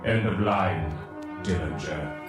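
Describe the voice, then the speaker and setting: A booming metallic computer overlord. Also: male voice. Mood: menacing. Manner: threatening, slow and domineering. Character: menacing computer master program, cold and commanding. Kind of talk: read-along record drama. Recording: echoey, distant processed voice. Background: music.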